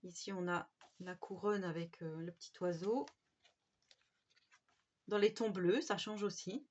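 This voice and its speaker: A woman's voice: fairly low pitch, a little slow, darkish tone. Chatty woman gushing over craft cards. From France. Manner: chatty and gushing, with many fillers and little exclamations. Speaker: craft vlogger. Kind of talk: casual haul show-and-tell. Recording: slightly dull home recording.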